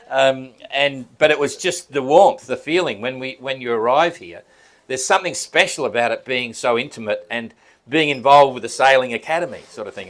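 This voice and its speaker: A man hosts a prize-giving at a sailing academy, talking in a relaxed, chatty way and laughing now and then. His voice sits at an ordinary middle pitch. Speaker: event organizer and host. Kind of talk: casual prize-giving speech. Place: event venue at a sailing academy.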